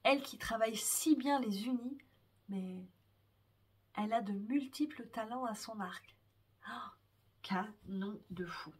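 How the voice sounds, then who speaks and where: A woman hosting a knitting podcast, gushing over yarns in hesitant casual chat with soft whispered exclamations. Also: fairly high pitch, takes it slowly, long pauses, slightly rough, recorded from a distance. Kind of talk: casual show-and-tell chat.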